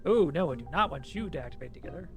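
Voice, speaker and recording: A man's voice: on the high side, animated, rapid-fire, music in the background. A man streaming a game with a co-host, casually talking himself through each step and swearing now and then. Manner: narrates each step under his breath, easygoing and swearing.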